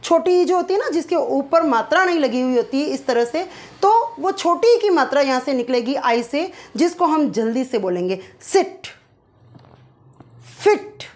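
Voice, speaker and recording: A woman with a high voice teaches phonetic symbols in a classroom style. She turns each point into a question, answers it herself and draws out vowel sounds slowly to show them. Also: expressive. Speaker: English teacher. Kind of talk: explaining phonetic symbols to exam students.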